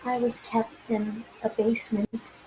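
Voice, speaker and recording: A kind, anxious spellcasting adventurer from a tabletop game, acted by a woman. The voice is high, earnest and tentative, with faint noise in the recording. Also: flat delivery, a little slow, mellow, close to an everyday voice, poor audio. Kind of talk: tabletop role-play acting.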